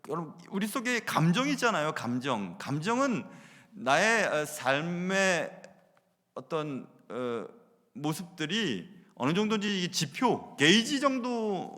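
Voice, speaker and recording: A man preaching a sermon as pastor, animated, moving between loud emphasis and hushed asides. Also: on the high side. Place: church sanctuary. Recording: long reverb of a church hall.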